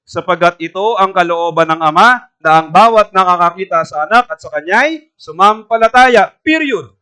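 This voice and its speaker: A man preaches in a church, putting questions to the congregation and telling a homely story. His voice sits high and rings clean, with a bright, forceful edge. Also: animated, normal speed, clear, resonant tone. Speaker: pastor. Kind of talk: sermon.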